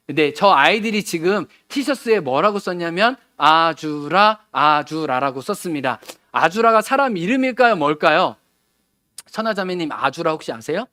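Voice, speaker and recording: Give me a conversational Korean pastor, bright voice. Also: male voice, fairly high pitch, no echo, studio quality. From Seoul. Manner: conversational, asks the congregation questions. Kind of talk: sermon. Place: church sanctuary.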